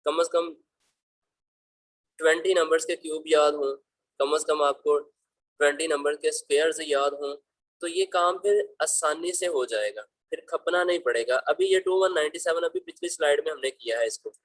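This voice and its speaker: His voice sits a little high and moves at normal speed while he patiently guides students through school math over slides. He warmly calls them "beta" in a fatherly manner. There's no echo, though the audio is rough.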